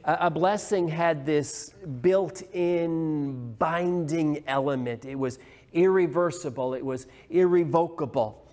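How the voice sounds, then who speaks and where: A man's voice: on the high side, takes it slowly, darkish tone. A male pastor preaching a sermon, retelling a story earnestly with small restarts. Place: church hall. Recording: long hall reverb.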